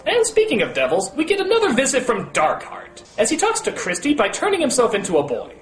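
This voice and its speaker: A man's voice: very high-pitched, huge pitch swings, a little fast. A man hosting a comedic film review, sarcastic and exasperated, prone to outbursts. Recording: echoey room, music behind.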